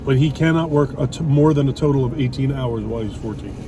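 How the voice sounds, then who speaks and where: A medium-pitched, quick-paced middle-aged vlogger talks casually with his wife during a meal. His manner is blunt and opinionated, with light swearing. Loud traffic and car noise surround the distant microphone.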